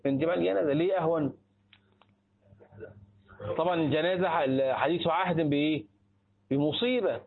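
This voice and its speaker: A man's voice: fairly high pitch, fairly quick, vocal fry, long pauses. A man with an Egyptian accent gives a religious lesson on a hadith text, often posing a question and answering it himself. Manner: asks rhetorical questions and answers them himself. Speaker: Islamic teacher explaining a hadith text. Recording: tinny phone-like recording.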